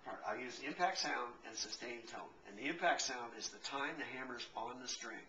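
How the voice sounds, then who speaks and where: A middle-aged male piano technician explains piano tone in a casual, rambling way, often correcting himself mid-sentence. His mid-range voice is bright and forceful, lively in intonation and a little fast, recorded by a distant camcorder in an echoey room with a little hiss or hum.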